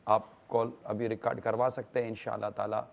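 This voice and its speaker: A man's voice: lowish voice, level tone, gravelly, muffled recording. A man from Pakistan co-hosting a religious TV talk show, addressing viewers and inviting their calls. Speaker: co-host.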